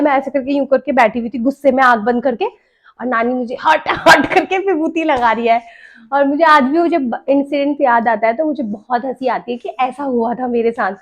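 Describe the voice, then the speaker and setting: A young woman, telling stories in casual podcast chat and laughing as she recalls them. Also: sits high. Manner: chatty, laughs while recalling. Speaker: podcast host sharing stories. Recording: dull lo-fi sound.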